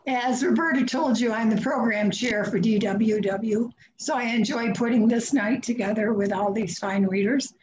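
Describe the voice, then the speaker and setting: A woman's voice: a little high, steady tone, measured pace, echoey room, muffled recording, background noise. An older retired woman, program chair of the event, introducing herself in a friendly, conversational way over a video call.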